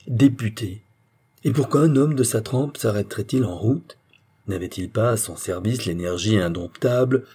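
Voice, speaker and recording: A man giving a measured, expressive dramatic reading of a short story as narrator. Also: lowish voice, slightly rough.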